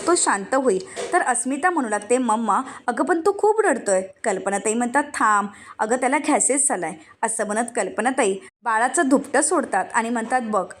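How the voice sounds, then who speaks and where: A woman with a Marathi accent narrating a TV serial recap, reading every character's lines in her own voice. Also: fairly high pitch.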